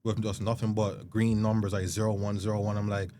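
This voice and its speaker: Man guest, lower voice, animated storyteller who swears and slips into island slang; faint noise. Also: fairly quick. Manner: animated, acts out quotes, swears freely. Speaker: guest musician. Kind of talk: casual storytelling.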